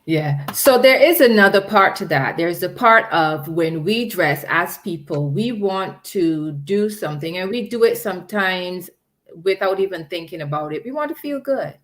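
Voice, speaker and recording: A woman's voice: lowish voice, expressive, normal speed. A woman on a church panel discussion, speaking reflectively and thinking aloud, often murmuring agreement.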